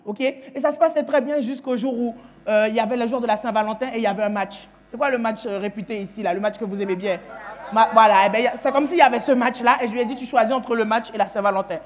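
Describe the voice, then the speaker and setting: A woman's voice: fairly high pitch, fast. A young woman performing stand-up comedy on a festival stage, talking straight to the crowd and acting out the people in her stories. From France. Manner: lively, addresses the audience directly, acts out dialogue. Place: festival stage before a live audience.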